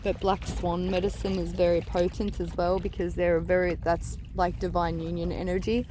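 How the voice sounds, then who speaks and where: A woman speaks casually and earnestly to camera in a rambling, digressive monologue, outdoors by the water with rushing water around her. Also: on the low side, little pitch movement, mellow, low-quality recording. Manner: earnest, digressive, trailing off mid-thought. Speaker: spiritual vlogger giving psychic energy guidance. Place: outdoors on a beach at the water's edge. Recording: outdoor recording with clear water noise.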